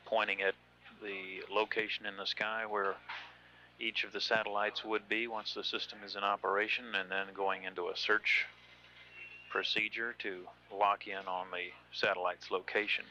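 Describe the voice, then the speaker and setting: A man giving measured, matter-of-fact live commentary on a spaceflight as mission control's announcer. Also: fairly low pitch, little pitch movement, bright, forceful tone. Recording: slightly noisy, dull broadcast line.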